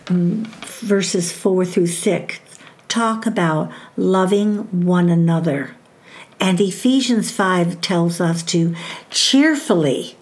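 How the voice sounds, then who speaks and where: An older woman with a lowish, darkish voice gives a devotional talk about parenting and faith. She speaks in a measured, emphatic manner and slows down whenever she cites scripture.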